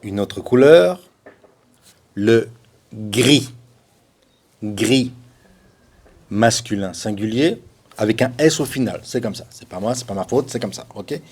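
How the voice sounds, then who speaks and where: A man teaching French colors, repeating each word slowly for pronunciation and adding chatty, shrugging asides about the rules. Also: lowish voice, lively intonation, a little mellow, slightly rough. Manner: repeats words for pronunciation drills, patient. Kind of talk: slow, deliberate language lesson.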